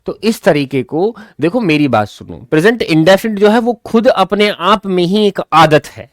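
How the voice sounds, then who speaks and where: Man, grammar teacher, slightly high voice, dry close sound, keeps checking understanding, repeats examples slowly. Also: lively intonation, no echo. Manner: checks understanding often, calls listeners child. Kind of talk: explanatory lesson.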